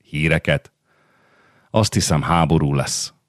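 A man voicing the sultan's kind favourite wife, speaking in a hushed, confiding way. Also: rumbling low, no room sound, clean studio sound.

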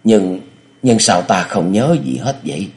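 A man's voice: low-pitched, lively intonation, measured pace. A man voicing a bewildered young male swordsman who stammers and has lost his memory. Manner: stammering, bewildered, turning fierce.

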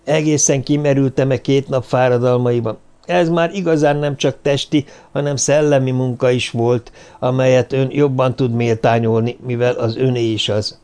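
A man's voice: mid-range voice, fairly even intonation, dark tone, clear, resonant tone, close to an everyday voice. A man voicing a boastful police inspector. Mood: boastful, eager. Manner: eager, self-satisfied storytelling. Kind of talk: audiobook character reading.

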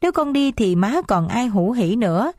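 A woman's voice: fairly high pitch, expressive, moderate pace, a little mellow, dry recording, clean studio sound. A woman voicing an older mother of a noble house in a read-aloud story, emotional and stern. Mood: tearful. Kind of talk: audiobook character reading.

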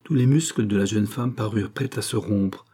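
Low dark husky guy narrating an old novel, steady and measured. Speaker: audiobook narrator. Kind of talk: scripted literary narration.

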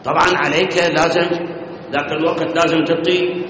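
Iraqi cleric, high voice, teaching in an echoey hall on a muffled lo-fi recording. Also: male voice, flat delivery, a little fast, a bit bright, slight background noise. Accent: Iraqi Arabic. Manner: asks the audience questions and answers them himself. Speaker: cleric teaching religious law. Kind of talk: religious lesson.

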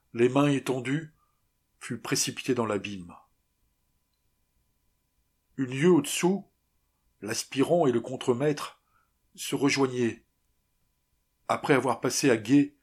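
A man's voice: mid-range voice, slightly rough. A man narrating a classic novella as an audiobook, reading dramatically with strong emphasis.

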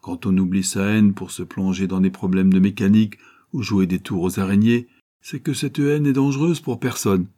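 A man lifts his voice to play a jovial adventurer who talks fast and warmly to win people over. The lines ring higher and brighter than the narration, full of cheerful coaxing, and keep a husky edge. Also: lightly acted. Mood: persuasive. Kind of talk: audiobook character reading.

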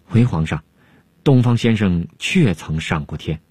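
A man voicing an anxious, timid male alchemist who frets and pleads, with a husky voice. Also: low-pitched, lively intonation, a little slow, a little mellow, no room sound, full character voice. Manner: fretful, pleading.

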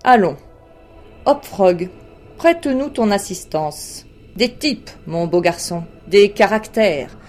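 A woman voicing a cruel, boisterous fat king who bullies and mocks loudly in a storybook reading. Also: mid-range voice, lively intonation, takes it slowly, soft background music. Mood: mocking. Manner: loud, bullying, mocking laughter.

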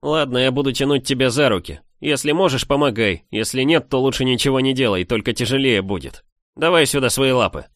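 A man voicing a serious, businesslike young boy who speaks in a brisk, matter-of-fact way in an audiobook. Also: medium pitch, a bit bright, dry recording, studio quality, voice pushed up, close to an everyday voice.

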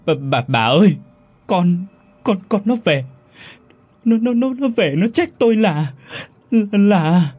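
A man's voice: sits high, very animated, takes it slowly, pauses often, darkish tone, breathy edge, pitched above the performer's own voice, full character voice. Man doing a stammering terrified old father. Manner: stammering, repeating words in fright.

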